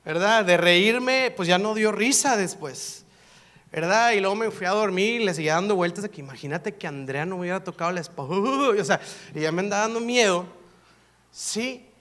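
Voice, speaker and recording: A pastor preaching a sermon, telling a personal story in a lively, playful, self-mocking way. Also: male voice, high voice, moderate pace.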